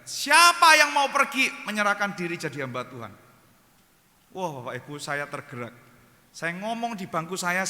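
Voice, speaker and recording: A man with an East Javanese accent, a pastor telling stories lively in a sermon to his congregation. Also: on the high side. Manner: lively storytelling, keeps addressing the congregation. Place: church hall. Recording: long church-hall reverb.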